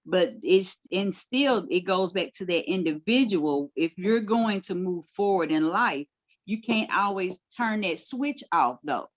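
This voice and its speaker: Woman, middle-aged, lowish voice, casual podcast talk, blunt and lively, folksy advice. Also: unhurried, lo-fi sound. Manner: lively, colloquial, gives direct life advice. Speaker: guest minister.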